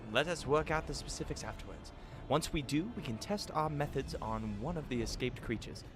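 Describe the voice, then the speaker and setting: A man's voice: mid-range voice, fairly bright tone, a little hiss or hum, natural voice. A man reading the lines of a formal ancient scholar-mage from a game, in stately archaic phrasing. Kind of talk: reading game dialogue aloud.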